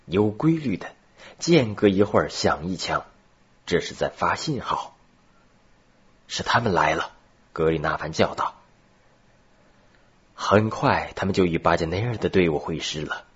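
Man, story narrator, very deep, husky, dull lo-fi recording.

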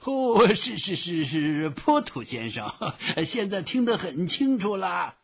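A man's voice: high-pitched, sing-song, slow pace, creaky, breathy edge, pitched above the performer's own voice, heavily acted. A man voicing a hesitant, fussy male clerk on the telephone who keeps stammering "uh". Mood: flustered. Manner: filler-laden, stammering "uh". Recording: dull lo-fi recording.

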